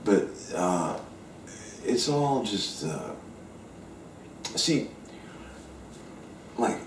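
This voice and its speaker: A man's voice: fairly low pitch, big pitch swings, drawn-out words, slight background noise. A man who is a guest, talking casually and frankly in a home kitchen, rambling a bit and swearing now and then. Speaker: session guitarist guest. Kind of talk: casual interview talk. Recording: roomy kitchen sound from a distant mic.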